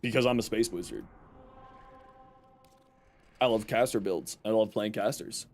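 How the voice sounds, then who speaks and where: A man giving casual live game commentary and answering chat in a tired, low-energy, flat voice that sounds worn out. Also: unhurried. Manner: low-energy, sleepy, flat burned-out delivery. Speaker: game livestreamer. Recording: clear background noise from game audio. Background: video game sounds.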